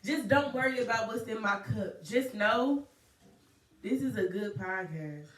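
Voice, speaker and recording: A woman's voice: on the high side, measured pace, fairly bright tone. Blunt young woman guest on a podcast. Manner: loose, blunt, swears casually. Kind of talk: casual podcast chat. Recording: roomy echo, mic at a distance.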